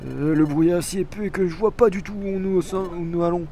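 A man's voice: high voice, fairly quick, warm tone, slight background noise. A man voicing a curious male creature explorer in a video game, reading its lines with wonder and frequent hesitations. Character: curious male Pokémon partner, eager explorer. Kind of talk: dramatic reading of game dialogue.

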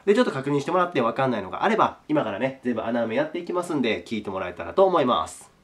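A hoarse man with a sore throat, teaching a recorded geography lesson politely and slowly, checking in with his students as he goes. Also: mid-range voice, sing-song, fairly bright tone.

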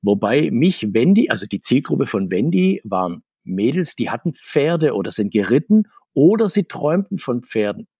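Very animated, at a moderate pace with few pauses, this man in his 60s speaks in a mellow, husky mid-range voice. A comics marketer and video-call interview guest, he rambles and chats casually, laughing between points, in a home room full of figures. No room sound; clean studio audio.

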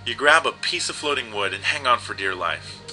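Young male let's player, chatty, lower pitch, crisp bright tone, light game music. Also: animated, fairly quick, rough recording. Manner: chatty, reads game text aloud. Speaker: let's play host. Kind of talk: casual game commentary.

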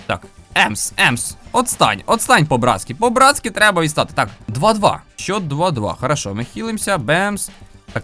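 Man, fairly high and very animated voice, playful gameplay commentary, faint music behind. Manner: playful and upbeat, with frequent sound-effect interjections. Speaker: gaming video host.

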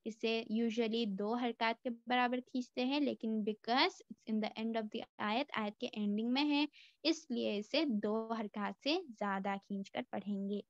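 A woman teaches Quran recitation, patiently explaining each point and stretching the words out slowly. Her voice is smooth and fairly high. The recording is dry and a little dull. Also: fairly even intonation, no room sound. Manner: slow, drawn-out demonstration of words. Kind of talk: tajweed lesson mixing Hindi and English.

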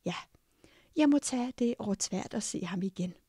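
A woman's voice: mid-range voice, lively intonation, dark tone, breathy edge, no echo, clean studio sound. A woman voicing a troubled former nursemaid who speaks uneasily and sadly in an audiobook. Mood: uneasy. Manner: uneasy, sorrowful. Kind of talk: audiobook character voice.

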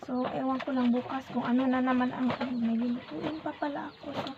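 Tired high-voiced mother with a cough. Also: steady tone, fairly quick, background noise. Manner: rambling, with many fillers and restarts. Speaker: mother and vlogger. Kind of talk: casual vlog chat, mixing in English with her child. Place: outdoors at home, hand-washing laundry. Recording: dull lo-fi sound with roosters and chickens behind.

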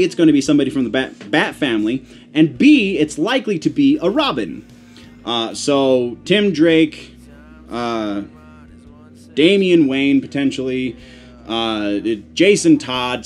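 An animated young man with a slightly high voice talks through comic news to camera, chatty and quick to correct himself. Faint music plays softly behind him in a small cluttered room. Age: young adult. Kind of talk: casual news chat to camera. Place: small room full of posters and collectibles, indoors.

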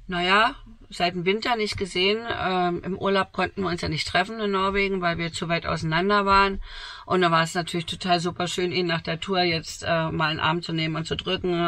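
A woman's voice: lowish voice, a bit bright, dry recording. A woman in her sixties chatting to camera from inside a camper van, enthusiastic, with lots of fillers. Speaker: camping vlogger. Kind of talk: casual vlog talk to camera. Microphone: fixed camera in front, seated.

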